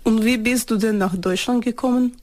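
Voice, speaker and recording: Woman interviewer with a higher voice. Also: steady tone, moderate pace, a little mellow. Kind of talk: interview questions.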